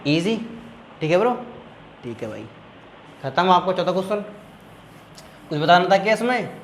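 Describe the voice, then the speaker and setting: A man teaches a maths lesson in a room that rings with echo and carries a faint hum. His voice sits a little high, and he talks students through each step, stopping often to check that they follow. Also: a little fast. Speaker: maths tutor.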